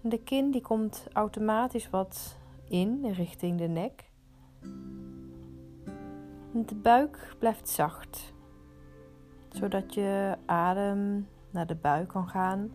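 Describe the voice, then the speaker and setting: A woman leading a guided meditation, giving soothing, unhurried instructions with pauses. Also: medium pitch, darkish tone, faint music behind.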